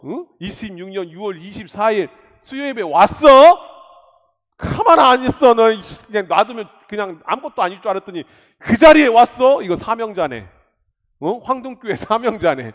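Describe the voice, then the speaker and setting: A pastor voicing Satan as a taunting, scheming evil spirit who mocks and threatens. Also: male voice, high voice, sing-song, moderate pace. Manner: mocking, threatening asides. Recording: echoey church hall.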